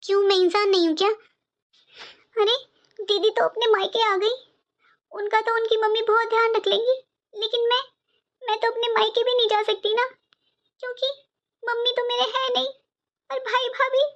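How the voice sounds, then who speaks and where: A woman's voice: very high voice, fairly bright tone, highs cut off. A woman voicing a meek young pregnant wife in a cartoon, who talks in a plaintive, pleading way.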